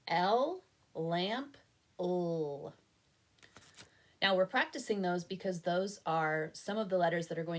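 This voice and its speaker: A woman teacher giving a recorded reading lesson to young children, with slow, clear prompts and patient praise. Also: fairly low pitch.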